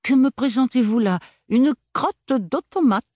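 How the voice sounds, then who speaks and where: A man's voice: very high voice, measured pace, dark tone, no echo, clean studio sound, pitched above the performer's own voice. Man doing a mocking young man in a bowler hat. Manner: sneering, then faltering.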